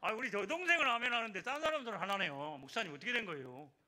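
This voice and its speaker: Older male church elder, bright and forceful, preaching and urging his listeners. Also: high-pitched, animated, rapid-fire. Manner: exhorting, repeats key phrases, asks the congregation for responses. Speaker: church elder giving testimony. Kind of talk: evangelism testimony in a church service.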